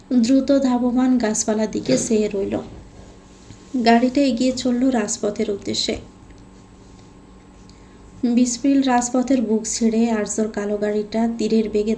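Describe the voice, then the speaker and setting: A woman narrating a romantic audio story in an even, expressive storytelling read. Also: fairly high pitch, gravelly, slight background noise.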